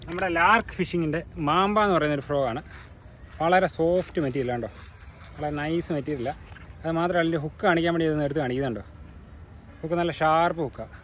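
A man's voice: on the high side, quick pace, fairly bright tone, slight background noise. A man with a Kerala Malayalam accent giving casual outdoor vlog commentary, mixing English words into his Malayalam. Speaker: fishing vlog host. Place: outdoors on a river.

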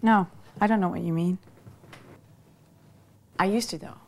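A woman's voice: on the low side, brisk, darkish tone. A frank, sardonic young woman. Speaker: actress. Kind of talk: film dialogue.

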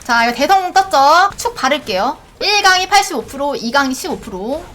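A woman streaming a game, giving live gameplay commentary in an excitable way, pleading and groaning at each roll. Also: high voice, fairly quick, heavy background noise.

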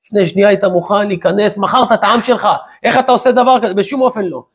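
A man preaching as a rabbi, telling a story in a lively way and acting out the voices of its characters. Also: sits high, a little hiss or hum. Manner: animated storytelling, acts out quotes. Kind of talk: sermon.

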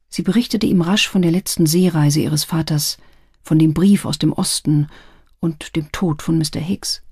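Low husky lady reading an audiobook, gravelly, calm, dry close mic. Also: no room sound. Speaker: audiobook narrator. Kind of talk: scripted narration. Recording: dry close studio sound.

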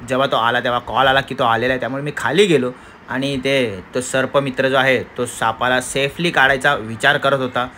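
A man's voice: mid-range voice, steady tone, fairly quick, pushed and bright, slight background noise. A man talking casually to his viewers at home, explaining things to the camera as a family vlogger. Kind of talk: casual vlog talk to viewers.

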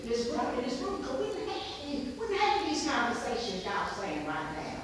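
At a public hearing in a community center meeting room, a middle-aged woman with a West Virginia accent rises to make an impassioned, emphatic comment, repeating herself. Her voice is a little high. Heard through a distant camera across the room, the audio is echoey with a noisy background.

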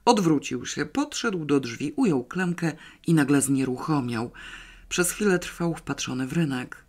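Brief: narrator for a comic novel, dry humor, mid pitch. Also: animated, a little slow. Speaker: audiobook reader. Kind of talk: scripted narration.

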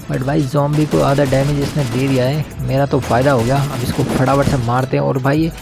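A man's voice: medium pitch, level tone, a little fast, creaky, over loud music. Chatty young man narrating gameplay. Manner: chatty, slangy, keeps calling viewers brother. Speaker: gaming channel host. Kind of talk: casual gameplay commentary.

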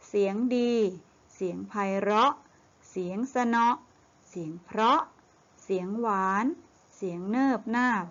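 Middle-aged woman teacher, patient and slow with fillers, muffled lo-fi sound. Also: mid-range voice, sharp tone. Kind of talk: online primary school lesson. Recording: muffled lo-fi audio.

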